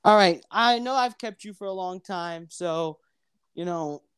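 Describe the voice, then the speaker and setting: A young man hosting a casual podcast interview, rambling with halting restarts. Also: high-pitched, a bit bright. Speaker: podcast host.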